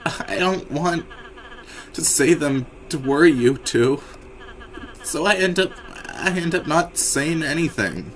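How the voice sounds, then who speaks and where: A man voicing a gentle, timid young male goat prince from a game, speaking softly and slowly with a lot of stammering. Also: a little high, lively intonation, slight background noise, pitched above the performer's own voice. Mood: apologetic. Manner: soft, stammering, apologetic, slow.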